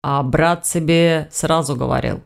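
A calm, thoughtful male investigator who speaks slowly and evenly in an audiobook scene, as a woman reads him. The voice is pushed lower and held back, measured and unhurried. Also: creaky. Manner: slow, lowered, measured delivery.

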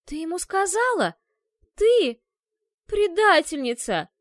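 A woman narrator plays a hot-tempered young inventor girl, furious, shrill and indignant, her high pitch leaping around. The delivery is very animated at a moderate pace. It's recorded dry and close, with no echo.

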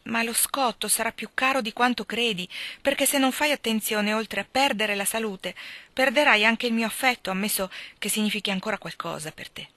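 A woman's voice: on the high side, a little fast, sharp tone, dry recording, voice pushed up. A woman reading the part of a young wife who pleads with and reproaches her husband in an earnest, imploring way.

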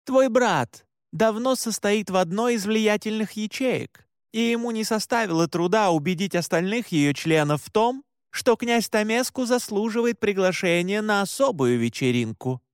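A man's voice: high-pitched, lively intonation, moderate pace, hardly any pauses, clear, resonant tone, no echo, clean studio sound, voice pushed up. A man reading an audiobook and voicing a stern, furious middle-aged mother who gives harsh orders. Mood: cold, intent. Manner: harsh, commanding.

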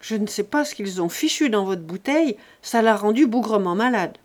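A woman's voice: mid-range voice, expressive, moderate pace, close to an everyday voice. A woman doing a sneering peasant son. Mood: sly. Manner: sneering and taunting. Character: mocking, sly grown peasant son.

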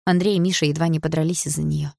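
A low-voiced woman narrating a novel in an even, measured reading. Her voice is close and dry, with no room sound around it. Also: gravelly, dry recording. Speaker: audiobook narrator. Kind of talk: scripted narration.

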